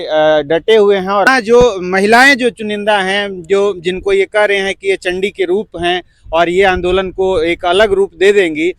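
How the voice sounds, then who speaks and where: A male field reporter talks in a high voice on a live news report, pausing often and filling gaps. The sound is dry and close to the mic. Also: fairly bright tone, no echo. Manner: halting, many fillers. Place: outdoor protest ground.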